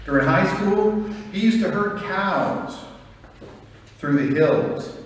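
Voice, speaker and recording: A man's voice: high-pitched, takes it slowly. American man giving a eulogy in an echoing hall. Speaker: son giving a eulogy for his father. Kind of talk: prepared memorial speech. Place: large reverberant room. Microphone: distant microphone. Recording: echoey hall, distant mic, faint noise.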